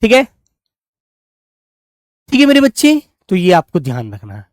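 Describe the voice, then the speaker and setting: A man teaching an online grammar class, speaking slowly and repeating his points as he coaxes his pupils along. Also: sits high, wildly swooping pitch, no room sound, studio quality. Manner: drawn-out, repetitive, coaxing tone toward pupils.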